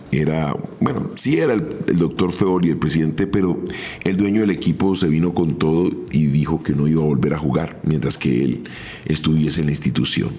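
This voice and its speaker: A middle-aged man with a Colombian accent, a former footballer telling his own career story in a measured, step-by-step podcast monologue. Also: low-pitched, a little mellow, slight background noise. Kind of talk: first-person podcast storytelling.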